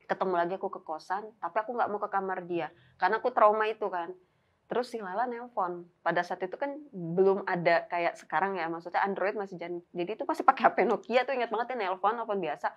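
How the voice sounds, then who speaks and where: A woman's voice: medium pitch, quick pace. A young woman, casually telling a story as a guest and often quoting herself and her friend. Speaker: guest telling a ghost experience. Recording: dull lo-fi recording.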